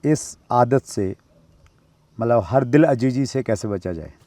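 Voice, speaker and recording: Man, polite interview host, middle pitch, dry close mic. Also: lively intonation, takes it slowly, dark tone, no room sound. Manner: attentive, polite, frequent affirmations, addresses guest as sir.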